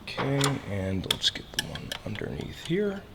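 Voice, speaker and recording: Very animated yet measured in pace, this medium-pitched male instructor demonstrates a motorcycle installation, narrating steps casually and checking in along the way. The reverberant workshop adds loud tool clatter and heavy background noise.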